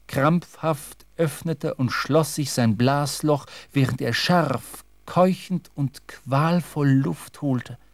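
A man narrating a radio drama in a measured, literary storytelling manner. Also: a little high, no room sound.

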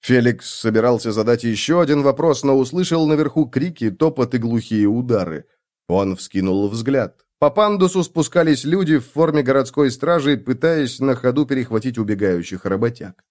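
Expressive male narrator for an adventure audiobook, animated delivery. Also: mid-range voice, normal speed. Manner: lively, expressive reading. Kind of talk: scripted narration.

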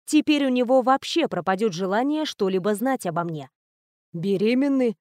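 A woman narrating a first-person audiobook in a measured, wry storytelling manner. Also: fairly high pitch, animated, no echo, clean studio sound.

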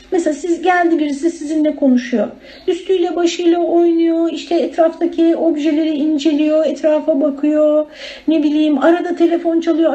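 A woman leads a religious study circle conversationally, often addressing her listeners as friends and using many fillers. Her voice is high-pitched with a dark tone, and the audio quality is poor.

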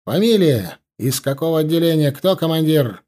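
A man's voice: on the high side, expressive, moderate pace, dark tone, voice pushed up, natural voice. A man voicing a strict young male ensign who barks orders with scorn. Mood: scornful.

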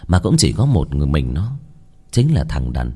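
A man narrating a ghost story in a low, hushed, dramatic way. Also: big pitch swings, moderate pace, breathy edge. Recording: faint music behind.

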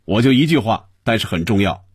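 A man's voice: lowish voice, animated, fairly quick, breathy edge, no room sound, clean studio sound, voice pushed up. A man voicing a smug office worker taunting his boss over the phone. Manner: smug, gleeful. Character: gloating office man quitting his job.

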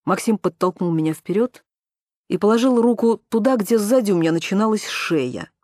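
A woman narrating a first-person story for an audiobook in an ironic, expressive manner. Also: medium pitch, moderate pace, no echo, studio quality.

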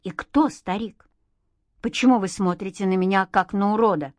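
A woman reading an audiobook, voicing a stern older man who speaks low, slow and curtly. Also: a little mellow, no room sound, lightly acted.

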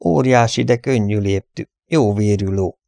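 A man reads an adventure novel aloud with a low, gravelly voice. His storytelling is steady but lifts for the dramatic moments, and the recording is dry and close with no room sound. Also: dry recording. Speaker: audiobook narrator. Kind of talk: audiobook narration of an adventure novel.

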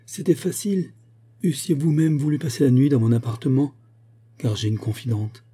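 A man's voice: mid-range voice, lively intonation, normal speed, mellow, husky, pitched above the performer's own voice. Man reading as a remorseful young wife. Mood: confessing. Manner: pleading, earnest. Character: remorseful young noblewoman pleading with husband. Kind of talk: audiobook reading.

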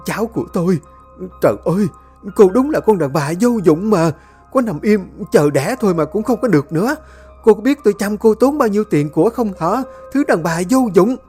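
A storyteller voicing a cruel, domineering older mother-in-law who scolds and shouts. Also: mid-range voice, animated, quick pace, faint music behind, voice pushed up, lightly acted. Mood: furious.

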